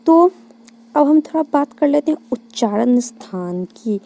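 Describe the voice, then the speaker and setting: A woman's voice: high voice, animated, a little slow, mellow. A woman teaching Hindi grammar in an online exam-prep lecture, explaining step by step and answering her own questions.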